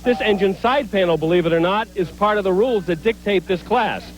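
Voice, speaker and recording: A man's voice: high voice, a little fast. A man working as a pit reporter, presenting and interviewing in broadcast sports style.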